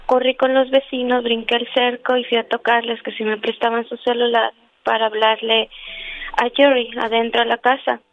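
A woman caller tells her story earnestly and devoutly, filling pauses as she goes. Her fairly high voice comes through a thin, dry phone line. Soft music plays underneath. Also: flat delivery, dry recording. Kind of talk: telling a personal story on a call-in radio show.

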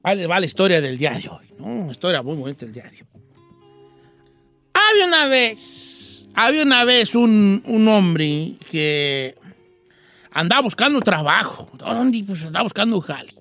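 A man's voice: sits high, sing-song, normal speed, pushed and bright, soft background music. A man with a Mexican accent hosting a morning radio show, telling a folksy joke story full of slang and asides to the listeners.

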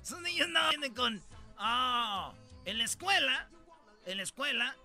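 A male comedian telling a stand-up routine in a slangy, animated way, laughing often. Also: very high-pitched, a little slow, soft background music.

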